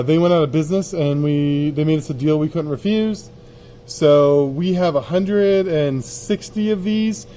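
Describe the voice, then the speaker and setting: Higher-voiced mellow man touring a warehouse. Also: slight background noise. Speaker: warehouse seller giving a stock tour. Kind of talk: casual walk-through sales tour, off the cuff. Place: indoors in a cluttered warehouse, walking.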